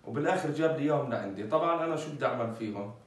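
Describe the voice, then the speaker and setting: A man runs a casual, informative bird vlog, chatting loosely with many fillers while handling birds. His medium-pitched voice is animated and very fast, recorded off-mic in an echoey room with faint ambience.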